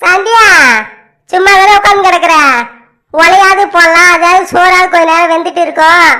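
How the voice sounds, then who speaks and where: A woman's voice: very high voice, little pitch movement, brisk, pushed and bright. A woman voicing a bossy mother-in-law who scolds and gives orders in a family drama.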